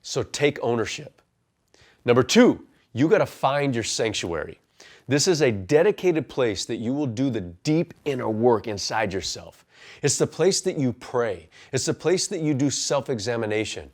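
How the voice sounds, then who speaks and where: Man, 40s, coach and pastor type, earnest storytelling that turns to direct motivational punch, mid-pitched voice. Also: big pitch swings, moderate pace. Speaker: men's life coach and pastor. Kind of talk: personal testimony and motivational talk.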